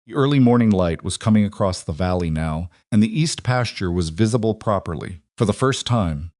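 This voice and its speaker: Guy narrating a western, real deep voice, dry close sound. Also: no echo. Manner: measured, even storytelling. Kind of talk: scripted audiobook narration.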